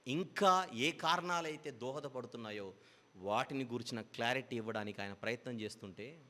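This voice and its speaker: A man's voice: mid-range voice, fairly bright tone. Guy preaching a bible lesson, spells things out over and over, echoey hall sound. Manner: explains patiently with repeated parallel phrases. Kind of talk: Bible teaching sermon.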